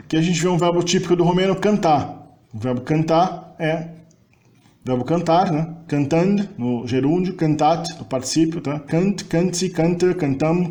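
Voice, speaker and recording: A man's voice: fairly high pitch, mellow. Man teaching linguistics. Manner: conversational, often adds tag questions; pauses to reformulate mid-sentence. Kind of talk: explanatory lecture.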